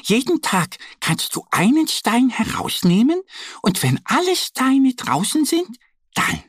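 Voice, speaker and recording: A man voicing a cheerful, eager little female duck in a children's story, high and sing-song. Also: sing-song, takes it slowly, husky, no echo, studio quality, heavily acted.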